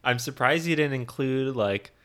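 A man's voice: medium pitch, moderate pace, a bit bright. A man co-hosting a casual chat, laughing often and tossing out lines in put-on voices. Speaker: podcast co-host.

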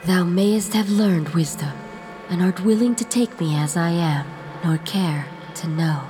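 A performer voicing a radiant, capricious young maiden who speaks softly in a breathy half-whisper. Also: male voice, high voice, a little slow. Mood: aloof, wistful. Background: music.

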